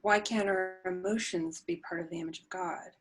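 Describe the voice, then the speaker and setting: A woman in a casual faith discussion, speaking thoughtfully in a halting way with many fillers. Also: lowish voice, steady tone.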